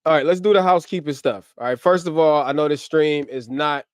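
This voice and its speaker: A man hosting a casual livestream from home, upbeat and slangy as he gives shout-outs to viewers, a little short on sleep. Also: fairly high pitch, brisk, clean tone, dry recording, clean studio sound. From US, grew up in Ohio. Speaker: livestream host. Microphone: camera mic on a livestream setup.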